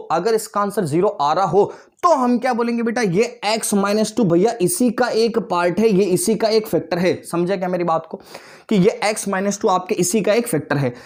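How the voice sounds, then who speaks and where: A high-pitched young man in his twenties teaches maths to an online class. He coaxes his pupils, calling them "beta" and "bhaiya," and keeps asking whether they've understood. Joking asides pop up along the way.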